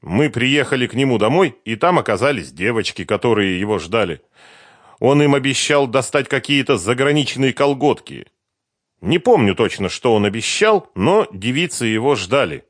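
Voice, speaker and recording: A man voicing an agitated young man who gives a halting, defensive confession. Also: medium pitch, very animated, dry recording, clean studio sound. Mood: confessing.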